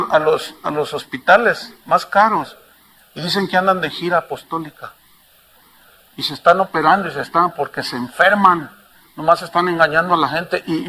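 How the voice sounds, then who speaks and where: A man preaching a sermon to his congregation, impassioned and swinging from hushed tones to loud emphasis. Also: high-pitched, slight background noise. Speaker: pastor.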